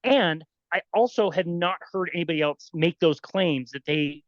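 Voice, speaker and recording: A man's voice: fairly high pitch, normal speed, dry recording. A man hosting a podcast in a casual interview, asking probing questions and often repeating words. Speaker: podcast host. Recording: dull, dry lo-fi audio.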